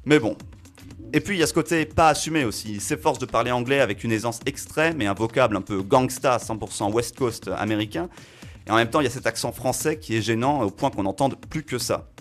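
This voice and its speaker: A man reviewing a film on a local radio show, talking in an animated way with fillers as he works through his points. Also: mid-range voice, a little fast, soft background music. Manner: animated, reasoning aloud with fillers. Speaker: film critic.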